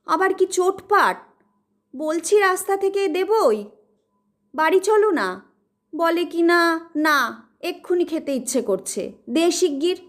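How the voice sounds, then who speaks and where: A hot-tempered young man who grumbles and complains indignantly, as a woman reader acts him out. The voice is high for a man and the pace is slow and careful. It comes from a storybook reading. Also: lively intonation, heavily acted. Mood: indignant grumbling.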